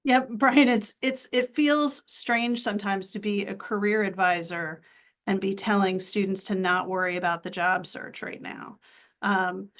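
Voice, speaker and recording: Woman, career advisor, panel talk, reflective, mid pitch. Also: steady tone, a little slow, fairly bright tone. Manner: reflective, with stammered restarts. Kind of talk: panel discussion.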